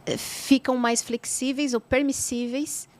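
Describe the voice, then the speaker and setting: Woman, podcast host, casual talk, affirming interjections, slightly high voice. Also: fairly even intonation, unhurried, darkish tone. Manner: affirming, adds brief agreeing remarks.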